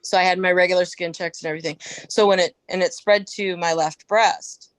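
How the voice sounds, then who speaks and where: A middle-aged woman from the upper Midwest, a podcast guest, telling her story in a casual, animated way and acting out what others said. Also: on the low side, brisk, no echo, poor audio. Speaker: podcast guest, melanoma survivor.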